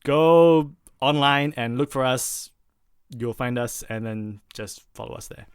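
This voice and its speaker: A man hosts a casual podcast. His voice is smooth and resonant and sounds dry, with no room echo. He rambles, with plenty of fillers and restarts. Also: mid-range voice, a little slow. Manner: rambling, with many fillers and self-corrections. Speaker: podcast host.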